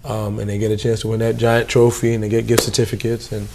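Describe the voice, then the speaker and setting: Man, gravelly, relaxed guest, easygoing interview talk. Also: on the low side, fast. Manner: relaxed, informal, many fillers. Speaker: youth program staff guest. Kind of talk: casual interview.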